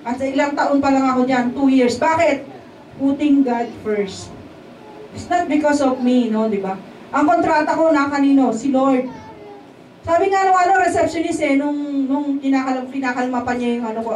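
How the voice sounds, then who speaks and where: A woman's voice: high voice, a little mellow. A woman from the Philippines giving a testimony at a church service in a casual, conversational way, often asking the congregation to agree. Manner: keeps checking in with the congregation. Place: church hall at a worship service. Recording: echoey hall, voice picked up from a distance, faint background noise.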